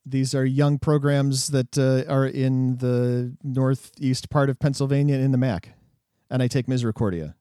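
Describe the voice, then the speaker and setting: Relaxed man co-hosting a sports podcast. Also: medium pitch, moderate pace, clear, resonant tone, dry recording, clean studio sound. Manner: relaxed, hesitant fillers, chuckles. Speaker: podcast co-host. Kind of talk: casual sports podcast chat.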